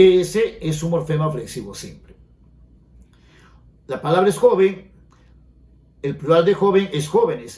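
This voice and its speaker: Male grammar teacher, high voice, explanatory, echoey room. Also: a little mellow. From Peru. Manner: explanatory, asks students frequent check questions. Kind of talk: exam-prep grammar lesson.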